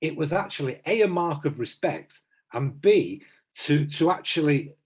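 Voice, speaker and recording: A south Manchester man in his fifties co-hosts a podcast in casual chat, speaking emphatically and repeating himself to drive his points home. His voice is a little high and animated, with a breathy edge, at normal speed.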